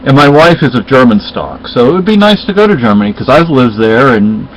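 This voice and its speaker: A middle-aged Spanish man, a native Spanish speaker, rambles through a story in casual conversation, halting and restarting often. His medium-pitched voice has a sing-song lilt, and the dull lo-fi recording carries slight background noise.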